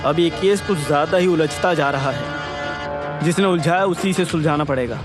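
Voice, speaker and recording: A man's voice: a little high, normal speed, music in the background, natural voice. A man playing a stern, commanding police officer in a Hindi film dub, who intimidates a suspect. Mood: thoughtful. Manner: firm, intimidating, methodical. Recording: film soundtrack with loud score.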